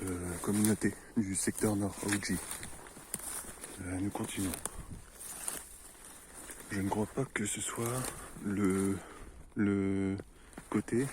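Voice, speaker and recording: A man vlogging outdoors in a snowy forest, joking with viewers in a mock-formal explorer manner. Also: on the low side. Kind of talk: playful mock-explorer commentary. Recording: noisy outdoor recording.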